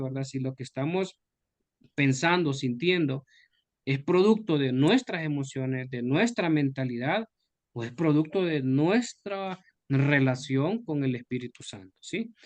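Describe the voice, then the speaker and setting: A man's voice: on the high side, no echo. A man, a pastor, leading a Bible study discussion in a conversational way and asking the group questions.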